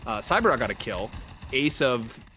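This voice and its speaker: A man calling a video game match as co-caster, joking between quick play-by-play calls. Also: medium pitch, sing-song, sharp tone, a little hiss or hum. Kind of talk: play-by-play esports commentary.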